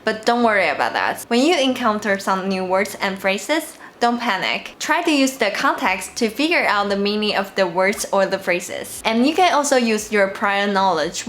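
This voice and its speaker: A woman hosting her own channel as a Mandarin teacher, explaining listening tips in a clear, deliberate scripted lesson. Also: medium pitch, fairly bright tone, a little hiss or hum.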